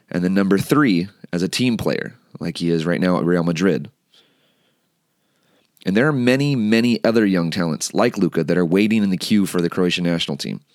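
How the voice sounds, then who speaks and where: A man with a low voice hosts a podcast, relaxed and earnest, now and then restarting a phrase. The sound is dry and close, with no room around it. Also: dry recording. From United States. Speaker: podcast host. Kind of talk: podcast intro and interview. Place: California.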